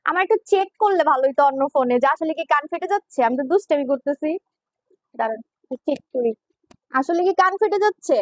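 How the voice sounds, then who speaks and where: Woman doing a skincare sales livestream, super high voice, fast and teasing, dry close mic. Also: lively intonation, dry recording. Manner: playful, teasing, chatty, addresses viewers directly. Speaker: online skincare shop owner selling on a livestream. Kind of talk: casual livestream sales talk. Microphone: clip-on mic.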